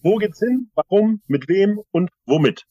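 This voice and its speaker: A man's voice: high-pitched, animated, a little slow, dark tone. A man hosting a casual interview, steering the guest and introducing segments. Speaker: interview host. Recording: slightly dull, band-limited sound.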